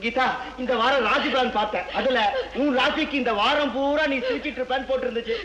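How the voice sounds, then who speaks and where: A man's voice: very high-pitched, fairly even intonation, quick pace, lo-fi sound, a crowd in the background. An actor playing an elder brother who lectures his sister sternly and then coaxes her playfully, in a 1970s film drama. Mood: coaxing.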